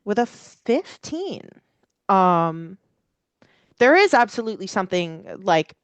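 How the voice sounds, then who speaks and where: A woman's voice: mid-range voice, very animated, slow pace, clean tone, no echo. A woman game master improvising tabletop narration, piecing descriptions together hesitantly as she goes.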